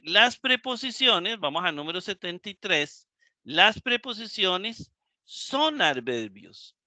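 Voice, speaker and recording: A man teaching a live Greek class, slow and explanatory, with many fillers and repeated words. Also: sits high, pushed and bright, dry recording. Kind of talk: live online lecture.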